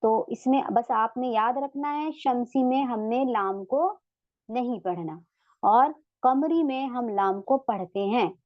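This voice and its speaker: Patient woman teaching slowly, slightly high. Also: lively intonation, dry recording, lo-fi sound. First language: Urdu. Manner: patient, repeats examples slowly. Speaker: Quran tajweed teacher. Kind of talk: online lesson explanation.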